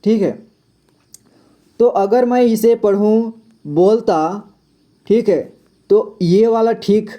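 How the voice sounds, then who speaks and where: A man teaching a reading lesson in a patient, casual way, repeating words slowly and spelling them out letter by letter, with a frequent "okay" between steps. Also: high voice, fairly even intonation, mellow. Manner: fills gaps with a frequent 'okay'.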